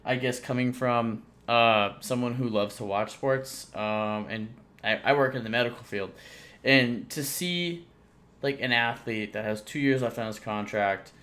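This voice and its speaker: A man's voice: mid-range voice, unhurried, fairly bright tone. A man co-hosting a sports podcast in casual chat, rambling with lots of fillers and restarts. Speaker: podcast co-host.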